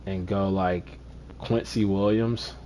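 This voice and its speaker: A man with a fairly low voice gives casual gameplay commentary. He talks to himself, musing over choices, and now and then launches into an exasperated rant. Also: fairly even intonation, slow, mellow, slight background noise. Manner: chatty, muttering to himself, exasperated rants. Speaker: gaming streamer.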